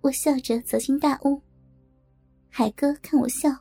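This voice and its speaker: A woman narrating a first-person audiobook story in a smooth, confiding way. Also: sits high, steady tone, measured pace, mellow, faint music behind.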